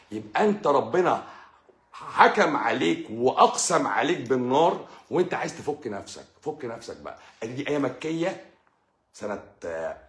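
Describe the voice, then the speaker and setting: A channel host with an Egyptian Arabic accent gives a religious talk in a mid-range voice, his words echoing around the room. He's lively and speaks straight to the listener, often repeating himself and stammering.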